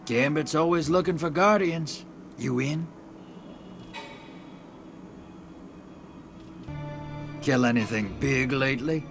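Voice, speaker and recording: An actor playing a sly, folksy rogue gambler in a video game, with a drawling, wheedling, theatrical delivery. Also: male voice, mid-range voice, normal speed, close to an everyday voice. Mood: chummy, teasing. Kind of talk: video game character acting. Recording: faint music behind the voice.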